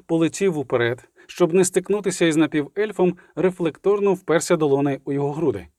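A man's voice: on the high side, a little mellow, dry recording. Man narrating an audiobook, dry sound. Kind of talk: scripted narration.

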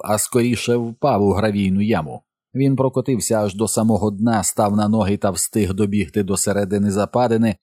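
Low-voiced male audiobook narrator. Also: dry recording, clean studio sound. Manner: measured, steady storytelling. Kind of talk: scripted narration.

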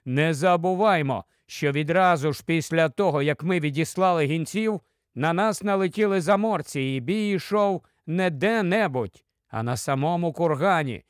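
A man's voice: fairly high pitch, expressive, normal speed, dry recording, clean studio sound, lightly acted. A man voicing a young king explaining himself earnestly in an audiobook. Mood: insistent.

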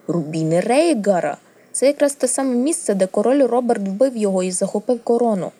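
A woman reading a storybook, voicing a lively, stubborn tomboyish young noble girl with loud, eager exclamations. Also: medium pitch, fairly quick, natural voice.

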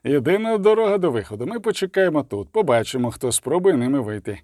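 A man's voice: on the high side, very animated, fast talker, dry recording, studio quality. A man reading aloud voices a stern, authoritative male commander who speaks firmly and decisively. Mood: commanding. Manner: firm, loud and decisive.

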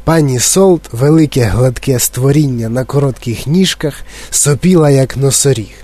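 Male audiobook narrator, expressive storyteller, mid-pitched. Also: moderate pace.

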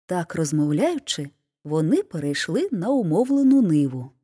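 A woman narrating a fairy tale aloud in an expressive storybook reading. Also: on the low side, normal speed, husky.

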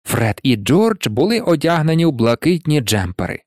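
A man narrating an audiobook in an expressive storytelling manner. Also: a little high, normal speed, dry recording, clean studio sound. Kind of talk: audiobook reading.

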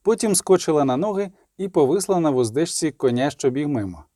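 A man reading an audiobook in a steady, measured way, adding short explanatory notes. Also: fairly high pitch, no echo, studio quality. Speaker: audiobook reader. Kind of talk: audiobook narration.

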